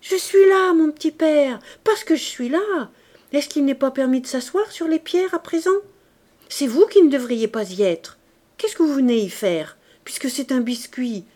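Woman voicing a wheedling street girl, high-pitched. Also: expressive, moderate pace, dark tone. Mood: coaxing. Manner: childish, wheedling coaxing. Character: coaxing young woman, street-wise thief's daughter.

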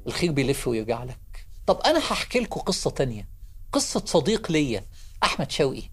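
A man's voice: medium pitch, sing-song, fast talker, fairly bright tone, breathy edge, faint music behind. A man with an Egyptian accent giving a televised sermon. He tells stories with emphasis, repeats his key phrases and calls out to his listeners directly. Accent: Egyptian Arabic. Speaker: preacher.

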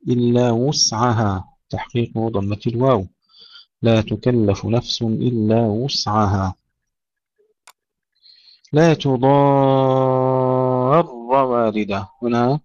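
A man teaching Quran recitation rules, reciting verse phrases slowly, then explaining them briskly. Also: mid-range voice, a little mellow, no echo. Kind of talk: tajweed lesson. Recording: dull lo-fi, dry sound.

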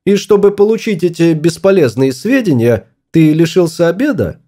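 A male reader voices a sharp-tongued young wife on a small spaceship, pitching her high with wide swings as she angrily scolds. Beneath it the tone stays soft and mellow, a storybook spouse snapping back at every word, very animated at a moderate pace.

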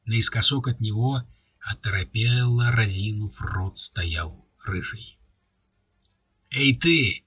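A man narrating an audiobook in a steady, even storytelling voice. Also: fairly low pitch, slow pace, husky, dry recording. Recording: dry, dull lo-fi recording.

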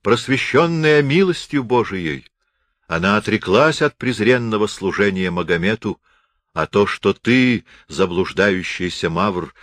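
A man's voice: on the low side, expressive, a little slow, a bit bright, dry recording. A man reading a stern, solemn knight. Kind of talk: audiobook character reading.

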